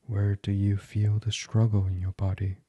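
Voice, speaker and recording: A man's voice: on the low side, flat delivery, slightly rough, no room sound. A man leading a guided meditation in a soothing voice that often drops to a whisper. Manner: slow, soft and soothing, drifting into whispers.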